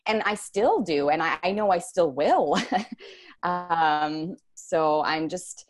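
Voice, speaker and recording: A woman's voice: low-pitched, slow. A young adult woman, a dance choreographer, talking candidly as a podcast guest, earnest and searching, often restarting her sentences. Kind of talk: candid interview conversation.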